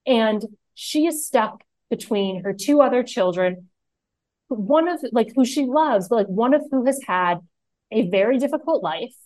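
A woman's voice: on the high side, lively intonation, a little slow, a little mellow, no echo. Chatty young woman, dry sound. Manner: rambling, full of "like" fillers. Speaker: podcast co-host. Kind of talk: casual chat.

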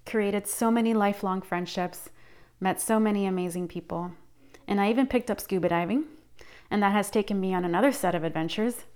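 A woman's voice: medium pitch, brisk, a little mellow. A woman in her thirties hosting her own podcast, telling her life story in an upbeat, scripted narration. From United States. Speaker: podcast host.

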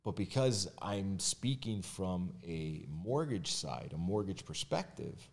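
Taking it slowly with audible vocal fry, the mortgage agent and realtor guest chats easily on a podcast in his very low voice. He stays candid and relaxed, frequently starting sentences over and leaning on "uh" and "you know."

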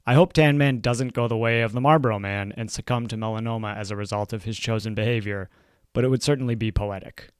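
A man, a dermatologist, reading aloud from his own book in a dry, wry and measured way. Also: on the low side, clear, resonant tone, no echo.

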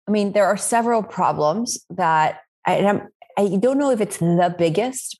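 A woman's voice: fairly low pitch, vocal fry, darkish tone. A woman in her forties from Spain, a podcast guest who talks in a chatty way, full of fillers and "right?" tags. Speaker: guest, meal-planning website founder. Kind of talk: casual podcast interview.

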